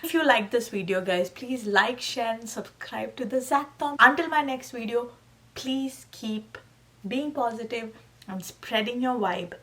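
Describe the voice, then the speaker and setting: A woman's voice: fairly high pitch, a little slow. Upbeat woman giving exam tips. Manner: animated, emphatic, keeps calling viewers guys and asking okay. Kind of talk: casual tutorial talk to camera.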